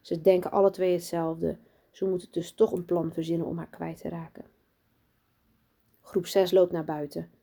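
A woman reading a children's storybook aloud, her narration soft and low-key. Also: flat delivery, normal speed, gravelly, long pauses. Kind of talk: children's book read aloud.

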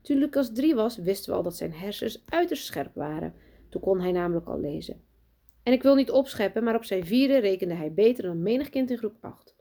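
A woman's voice: mid-range voice, expressive, fairly quick, warm tone. Woman playing a boastful professor dad. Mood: self-assured. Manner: self-assured, boasting. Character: boastful famous professor father.

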